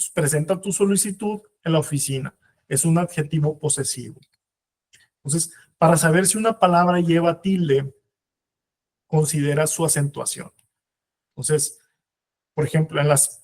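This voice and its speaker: A man with a Mexican Spanish accent lectures on legal writing, his voice sitting a little high. He talks in a halting way, filling gaps with fillers and going back to restart his sentences as he explains. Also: a little mellow. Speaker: instructor. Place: training course room.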